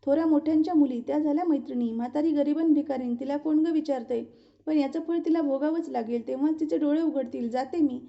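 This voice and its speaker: A woman's voice: high voice, quick pace, vocal fry. A woman voicing an angry old beggar woman who is a goddess in disguise, in a bitter, scolding manner. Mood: indignant. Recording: dull lo-fi recording.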